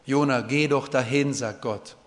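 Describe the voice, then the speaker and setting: A man's voice: mid-range voice, unhurried. A man preaching a sermon in German, earnest, sometimes rising to fervent pleading. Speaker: pastor. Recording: long reverb of a hall.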